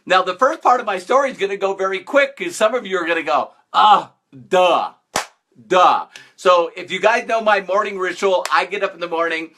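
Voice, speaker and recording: A man's voice: sits high, quick pace, hardly any pauses, pushed and bright, a little hiss or hum. A man hosting a casual live stream as a motivational speaker, greeting viewers by name and stressing points with playful mock sarcasm.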